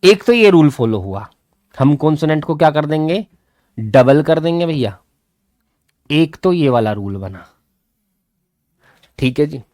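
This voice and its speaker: A man's voice: a little high, sing-song, measured pace, pauses often, a little mellow, no echo, clean studio sound. A man teaching English grammar in a live online class, repeating key points and coaxing his students along.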